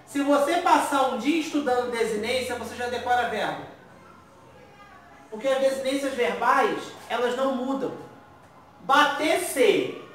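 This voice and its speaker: A man teaches a grammar lesson, posing questions to the class, answering them himself, and checking in often. His voice is very high, expressive, and a bit bright, at a moderate pace, captured from afar in an echoey room with faint noise.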